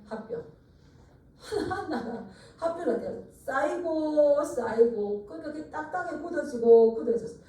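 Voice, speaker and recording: Lady pastor preaching, mellow higher voice, far off mic in a big echoey church. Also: animated, a little slow. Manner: earnest preaching with call-and-response repetition. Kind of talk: sermon. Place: church sanctuary.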